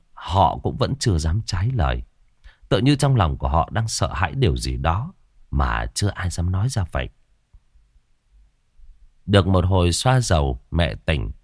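Male ghost-story narrator, very low voice with lively, dramatic pitch swings, dry close recording over soft music. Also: no room sound.

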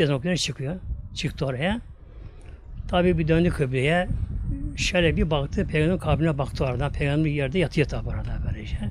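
An older man delivers a sermon as a story, his voice sitting high. He speaks slowly, with drawn-out pauses and rising emotion. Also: slight background noise. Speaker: preacher. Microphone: audio recording of a talk.

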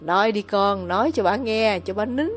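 A woman's voice: medium pitch, normal speed, soft background music, lightly acted. A woman voicing a weary old village father who speaks in a tired, trembling, soothing way in a storybook reading. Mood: placating.

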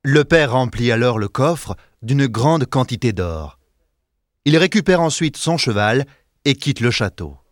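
A man narrating a storybook audiobook with clear, expressive delivery, close to the mic. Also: medium pitch, unhurried, no room sound.

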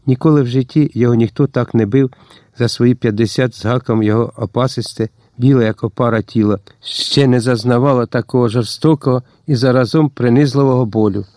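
A man reading a first-person audiobook with lively storytelling that slips into a slangy tough-guy voice. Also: mid-range voice, brisk, no room sound, studio quality. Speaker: audiobook narrator. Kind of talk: scripted first-person narration.

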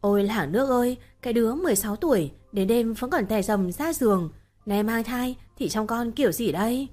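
Bossy middle-aged village woman, loud and scolding, read by a woman narrator. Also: on the high side, lively intonation, a little fast, faint music behind.

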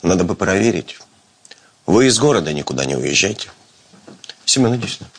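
An actor playing a businesslike, authoritative police investigator in a crime drama, terse and questioning. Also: male voice, low voice, sing-song, a little fast, husky, full character voice. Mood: businesslike, pensive. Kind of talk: screen crime drama acting.

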